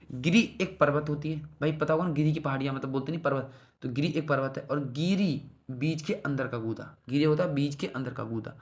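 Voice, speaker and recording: A man teaching a casual revision lesson for exam students. He repeats each word pair several times, checks in often, and talks to the listener like a friend. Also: fairly high pitch. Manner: calls the listener "bhai", speaks informally.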